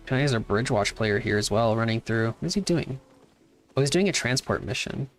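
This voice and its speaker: A man's voice: medium pitch, animated, fast, faint music behind. A man streaming a game live, chatting casually and answering his chat in a laid-back way. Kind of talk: casual livestream chat while playing.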